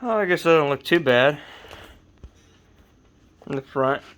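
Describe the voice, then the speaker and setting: A man's voice: a little high, expressive, measured pace, fairly bright tone. A man filming a casual update on his model truck late at night, sleepy and rambling in an easygoing way, stopping to correct himself. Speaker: RC hobby vlogger. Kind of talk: casual build update vlog.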